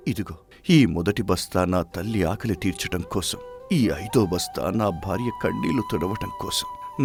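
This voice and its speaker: A man voicing a poor, honest young village laborer, speaking in an emotional, pleading way. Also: lowish voice. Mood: straining. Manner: pleading, emotional dramatic reading.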